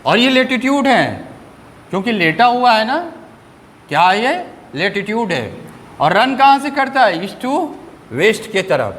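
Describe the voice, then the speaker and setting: A man teaching a school class, asking questions and answering them himself in a lower voice, and reading English lines out slowly. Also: big pitch swings, fairly bright tone, long reverb tail, slight background noise. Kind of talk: classroom lecture.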